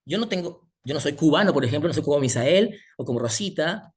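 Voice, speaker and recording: Husky-voiced man preaching a sermon. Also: a little high, animated, a little fast. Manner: asks the congregation rhetorical questions.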